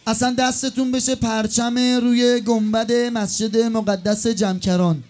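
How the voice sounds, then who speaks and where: High-voiced man rousing a crowd. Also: flat delivery, darkish tone, faint music behind. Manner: rousing, leads chants with counting and calls. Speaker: cleric leading the crowd. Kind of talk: energetic crowd chanting and comic banter.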